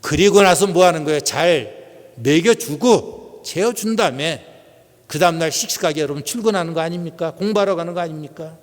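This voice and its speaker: A man's voice: fairly high pitch, fairly quick, big-room sound. A middle-aged male pastor preaching a Sunday sermon in a conversational way, putting questions to the congregation. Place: church sanctuary.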